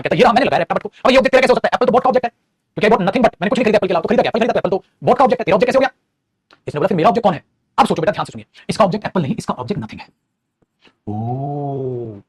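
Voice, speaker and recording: A man teaching English grammar in an animated lecture, teasing his students and acting out their questions. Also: high-pitched, husky, no room sound, clean studio sound. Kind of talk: energetic classroom lecture.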